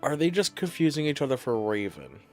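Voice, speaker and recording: A game streamer reacting live, mid-pitched with a lively, swinging delivery. The talk rambles in playful, laughing asides. Quiet game music plays underneath. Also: brisk.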